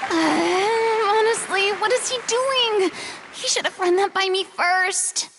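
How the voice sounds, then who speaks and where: A woman's voice: very high-pitched, animated, a little slow, noisy background. A woman voicing a proud, theatrical young former stage star who gets flustered easily, in a video game. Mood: indignant.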